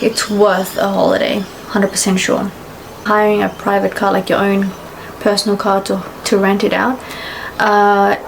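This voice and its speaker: A young woman from Fiji chatting casually to camera as a travel vlogger, rambling with lots of fillers and self-corrections. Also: medium pitch. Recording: steady background noise.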